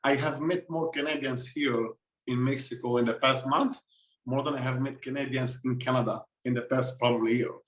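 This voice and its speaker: An Israeli-born man who grew up speaking talks in a podcast interview. His pitch stays narrow and level while he presses his points, doubling back over words as he finds them. The sound carries a noticeable room echo. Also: fairly even intonation, fairly quick. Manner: emphatic, repeats words while searching for them. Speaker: guest. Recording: roomy echo.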